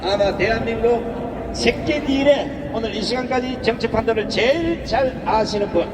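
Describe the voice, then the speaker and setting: Guy emceeing a rally loud, really high voice, booming reverb. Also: moderate pace. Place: outdoor street rally with PA. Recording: echoey distant loudspeakers, noisy outdoor crowd.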